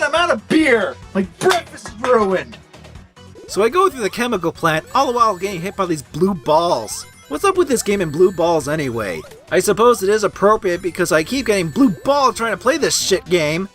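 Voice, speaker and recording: A man's voice: sits high, fairly bright tone. A man doing a comedic angry gamer review, ranting and swearing in exasperation like a raging gamer. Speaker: video game reviewer. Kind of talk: comedic angry gamer parody review, scripted narration with outbursts.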